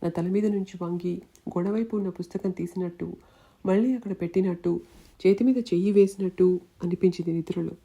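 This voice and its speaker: A woman's voice: on the low side, fairly even intonation, a little fast, gravelly, mellow, slightly rough. A woman voicing a loyal young woman who comforts her weeping friend in a soothing, urgent way, in a storybook reading. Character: anxious loyal female friend, consoling.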